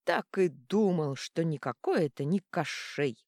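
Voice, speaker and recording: A woman voicing a giant brawny male troll who talks slowly and bluntly, in an audiobook. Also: deep voice, dark tone, dry recording, clean studio sound, close to an everyday voice. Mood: triumphant. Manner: slow, blunt and deliberate.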